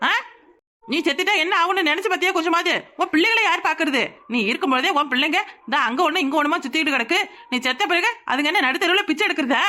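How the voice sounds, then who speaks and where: A woman's voice: very high-pitched, pushed and bright. A woman voicing a skinny, scolding village friend in a comic cartoon, with a Kanyakumari Tamil accent. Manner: scolding, mocking, lecturing.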